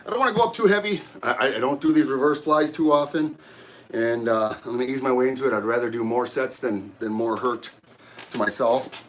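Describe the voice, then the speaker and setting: A middle-aged man talks to his livestream viewers while he works out, out of breath and friendly. His voice sits at an ordinary middle pitch, and his sentences wander, stall and restart. Faint background noise hums under a camera set up in the gym. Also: a bit bright. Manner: halting, friendly, rambling with many restarts. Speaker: livestream host. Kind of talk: casual chat while working out on a livestream. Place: gym during a workout. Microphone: camera set up nearby.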